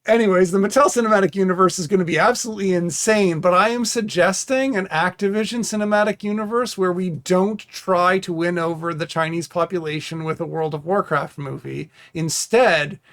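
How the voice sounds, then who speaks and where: High-voiced rambling male streamer. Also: fairly quick, hardly any pauses, a bit bright. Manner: rambling, full of filler "like" and "um". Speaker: streamer host. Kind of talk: casual stream chat.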